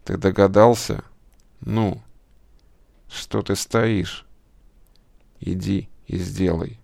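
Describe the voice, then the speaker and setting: Menacing devil in a low hushed rumble, gravelly and dry, as a narrator puts him on. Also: male voice, steady tone, very slow, dry recording, full character voice. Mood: gruff approval. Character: sinister male devil, goat-jawed and mocking.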